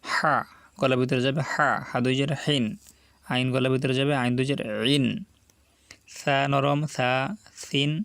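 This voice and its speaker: A man with a Bangladeshi Bengali accent teaching Quran reading. He spells out syllables slowly and deliberately, and asks the viewers to repeat after him. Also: medium pitch, level tone, a bit bright, clear, resonant tone, dry recording, clean studio sound. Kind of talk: slow spelled-out recitation lesson.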